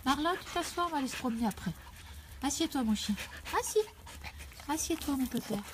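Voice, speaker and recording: A woman talking casually on a live home video, coaxing and scolding her dogs in an animated way. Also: sits high, a little fast, a little hiss or hum. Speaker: dog owner streaming live. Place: at home, indoors.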